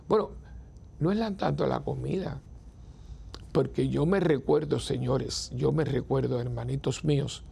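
A man, a priest, preaching a sermon with animated stories, slowing to soft, drawn-out emphasis. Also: medium pitch, slight background noise. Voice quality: gravelly, husky. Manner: animated storytelling that drops to slow, soft emphasis.

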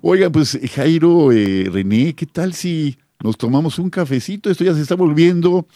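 Devout Mexican radio host. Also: male voice, fairly high pitch, normal speed, dry recording, studio quality. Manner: warm, devout, animated greetings.

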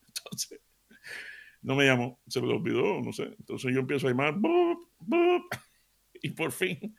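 A man's voice: mid-range voice, vocal fry. A middle-aged man giving a radio devotional sermon, telling stories animatedly and acting out the dialogue. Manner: animated storytelling with laughs and voiced dialogue. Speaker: radio preacher.

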